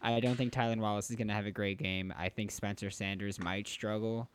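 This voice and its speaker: A man's voice: fairly low pitch, steady tone, fairly quick, slight background noise. A man co-hosting a sports podcast, giving opinionated, teasing takes in casual banter.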